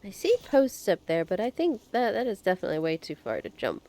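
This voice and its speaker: A woman streaming a video game, hoarse and nasal from blocked sinuses, chatting to viewers and reading in-game notes aloud. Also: mid-range voice, sing-song, fairly quick, dark tone. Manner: chatty, self-deprecating asides to viewers.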